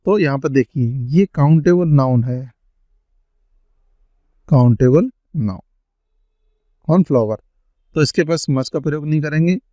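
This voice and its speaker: A man teaching an English grammar lesson, stretching out each example sentence slowly as he reads it. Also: a little high, warm tone, no room sound. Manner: slow, drawn-out reading of example sentences. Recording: dry, dull lo-fi sound.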